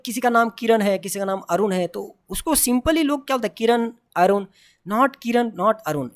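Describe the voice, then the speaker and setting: A woman teaching a pronunciation lesson to a video audience, with a voice of middling pitch. She drills each sound by repeating it slowly and contrasting the right form with the wrong one. She mixes English phrases into her explanations.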